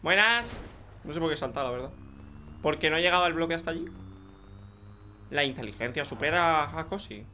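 Excitable young Spanish man, high bright voice, gaming commentary over faint background noise. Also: moderate pace, pauses often. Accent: Spanish from Spain. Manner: excitable, joking, talks to teammates. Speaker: gaming YouTuber. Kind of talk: live gameplay commentary.

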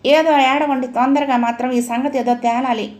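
A woman's voice: sits high, steady tone, moderate pace, a little mellow, close to an everyday voice. A woman voicing a scolding irritable father. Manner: sarcastic, scolding.

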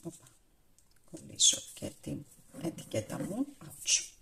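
Very animated, this Greek-accented woman vlogs her cooking from her home kitchen, her low voice bright, forceful and edged with vocal fry. A camera on the counter records her casual chat in a room full of echo.

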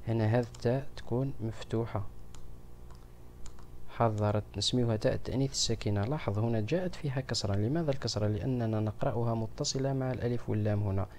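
A man's voice: medium pitch, darkish tone, slight background noise. A man, a primary school teacher, patiently going through a grammar exam with children and asking them questions.

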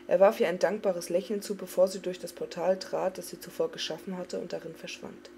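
A woman giving an expressive, dramatic reading of a fantasy novel. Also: on the low side, a little fast, vocal fry, slight background noise. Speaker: audiobook reader.

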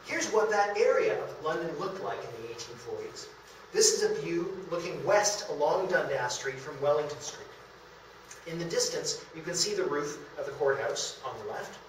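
In the meeting room of a historic house, a man lectures on history with illustrations, his voice on the high side, expressive and at normal speed. A camera far back in the audience picks him up amid strong echo and slight background noise.

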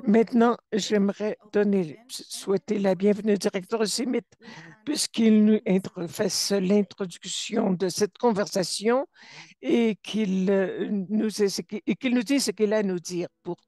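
A woman giving simultaneous interpretation for a webinar, halting and often restarting or correcting herself mid-phrase. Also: mid-range voice, mellow, no echo.

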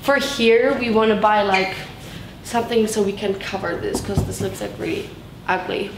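In a medium-pitched, fairly even voice at a moderate pace, a young adult woman vlogs a tour of her bedroom and bathroom, moving around with a handheld camera. Her chat is bubbly and rambling, heavy on "like" and "so cool", while the large tiled rooms echo amid background noise.

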